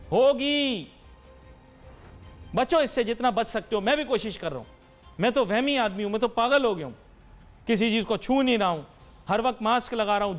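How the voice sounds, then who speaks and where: A man hosting a TV talk show, delivering an emphatic, lecturing monologue to viewers and mixing in English phrases. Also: extremely high pitch. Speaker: TV anchor and talk show host.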